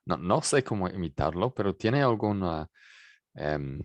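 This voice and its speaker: A man's voice: sits low, animated, a little slow, no room sound. A man from New Zealand with English as his first language, hosting a casual interview and asking curious questions. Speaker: host.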